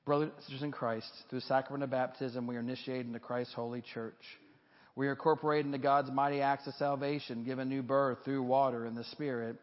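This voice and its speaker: A male pastor leading liturgy and prayer in measured, formal phrasing before a congregation, with a cathedral-like echo. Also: mid-range voice, level tone. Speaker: pastor leading a baptism reaffirmation service. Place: large reverberant church. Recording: muffled recording with long church reverb, cathedral-like echo.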